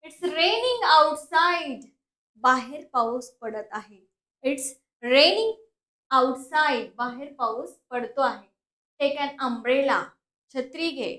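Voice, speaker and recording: A woman teacher giving a bilingual spoken English lesson, saying English sentences slowly and explaining them quickly. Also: high voice, lively intonation, bright, forceful tone, echoey room. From India. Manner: slow, drawn-out English model sentences, then quick explanations.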